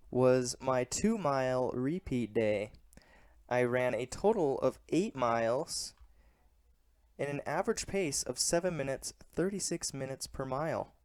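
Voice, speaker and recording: A man narrating a vlog recap as a vlogger, in a plain, measured and earnest way. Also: medium pitch, a little mellow, no room sound, studio quality. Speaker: running vlogger.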